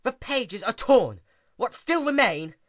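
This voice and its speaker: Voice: slow pace, no room sound, studio quality. A storyteller voicing a furious, exasperated young female pony princess who scolds with heavy emphasis in a cartoon fan story. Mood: outraged booming. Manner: emphatic, swinging from icy calm to booming shouts.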